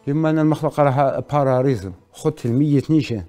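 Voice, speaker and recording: A man's voice: medium pitch, racing, warm tone, soft background music. A middle-aged man with an Algerian accent, a talk show guest recounting a personal grievance in clipped, repetitive, stumbling phrases. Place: TV studio.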